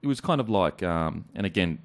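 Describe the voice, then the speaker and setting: A man's voice: low voice, expressive, fairly quick. An Australian man hosting a casual chat, blokey and chatty, swearing freely. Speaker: podcast host.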